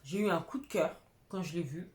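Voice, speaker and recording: A woman's voice: lowish voice, fairly quick, a little mellow. A young woman chatting casually and enthusiastically while showing off clothes she bought secondhand, dropping slang as she goes. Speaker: fashion vlogger. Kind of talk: casual clothing haul chat.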